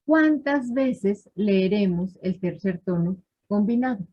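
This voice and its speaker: A woman's voice: medium pitch, animated, slow. Patient woman teaching tones. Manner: patient, checks in with students often. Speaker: language teacher. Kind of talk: live class explanation. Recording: dull lo-fi online class audio.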